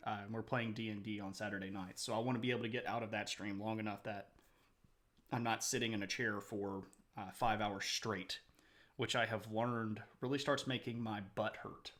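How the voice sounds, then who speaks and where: Man, livestream host, casual chat, bright forceful voice, laughs often. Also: lowish voice, steady tone, moderate pace. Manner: chatty, answers chat aloud, laughs often. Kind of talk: casual live-stream chat with viewers.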